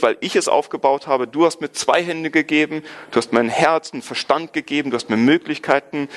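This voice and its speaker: Young male preacher from Germany, earnest and emphatic sermon delivery, voice sits a bit high. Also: fairly bright tone. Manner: earnest, emphatic, repeats phrases for stress.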